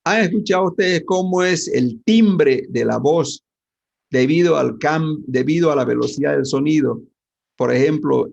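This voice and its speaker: A male physics teacher, talking through a lesson and tossing question after question at his class. His voice is gravelly and husky at a middle pitch. It comes through a dull, lo-fi mic. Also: a little mellow. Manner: asks the class questions constantly, with many tag questions. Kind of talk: online class lecture.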